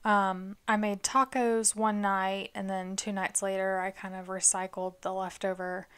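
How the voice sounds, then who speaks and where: A woman's voice: medium pitch, level tone, a little slow, fairly bright tone, clean tone. Chatty, playful woman hosting a podcast. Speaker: podcast host. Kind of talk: casual chat.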